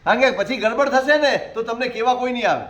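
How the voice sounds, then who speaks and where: Monk man preaching, talks high, chatty sermon w lots of questions to the crowd and dry little jokes. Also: fast. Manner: conversational, with rhetorical questions and gentle humor.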